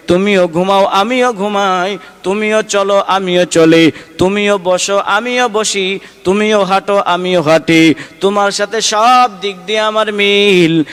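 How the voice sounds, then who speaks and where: A preacher voicing a pious woman who calmly and firmly refuses a tyrant, in a hall with long reverb. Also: sits high, smooth. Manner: steady, firm, listing reasons. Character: pious defiant woman servant, calm, unshakable. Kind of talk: sermon storytelling.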